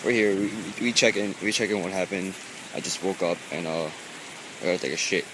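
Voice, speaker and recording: A man's voice: low voice, fairly even intonation, fairly quick. A young man giving a casual, slangy, profane mock storm report as a vlog outdoors. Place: outdoors on a rainy city street. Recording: very noisy outdoor rain and street.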